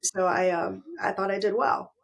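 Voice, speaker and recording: A middle-aged woman speaks candidly as an interview guest, her voice carrying a gravelly fry. She retells events vividly, lifting her pitch sharply to act out what others said. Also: moderate pace. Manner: animated retelling, acting out quoted voices with pitch jumps. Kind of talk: candid personal storytelling.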